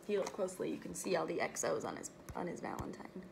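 A woman reading a children's picture book aloud, expressive, breaking off for playful asides to her listeners. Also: lowish voice, fast talker, gravelly, background noise. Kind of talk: read-aloud storytelling.

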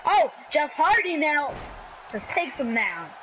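A woman casually commentating on a wrestling video game as she plays, calling the action in an excitable, scrappy way. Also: high voice, slow pace, a little hiss or hum, low-quality recording.

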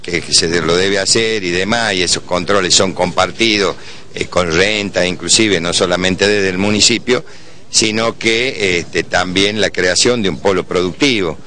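A middle-aged man with an Argentine accent speaks in a low, bright, forceful voice. He answers press questions outdoors like a municipal official, measured and a little halting, into handheld microphones. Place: outdoors on a city street. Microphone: reporters' handheld microphones held close.

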